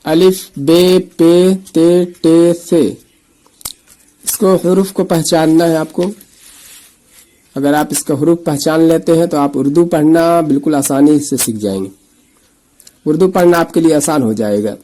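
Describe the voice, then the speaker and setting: Man, slightly high voice, mellow tone, patient, slow letter drills, Urdu teacher. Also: rough recording. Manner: patient, repeats letter names slowly, then quicker explanations. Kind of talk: slow letter-by-letter reading lesson.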